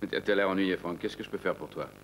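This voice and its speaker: An actor dubbing a courteous, affable official in a TV film. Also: male voice, sits low, fast. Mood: cordial. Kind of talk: dubbed TV film drama dialogue. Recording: noisy dubbed film soundtrack.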